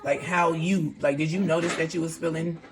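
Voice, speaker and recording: A woman's voice: low voice, steady tone, fairly quick, background noise. A woman vlogger talking casually and directly to her viewers, chatty and candid. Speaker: vlogger host. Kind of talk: casual chat to camera.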